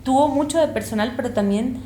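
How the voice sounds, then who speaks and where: A woman's voice: on the high side, brisk, warm tone, a little hiss or hum. Earnest woman in an echoey room. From El Salvador and Colombia. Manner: earnest, impassioned, reflective. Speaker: guest, university lecturer and researcher. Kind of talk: conversational interview.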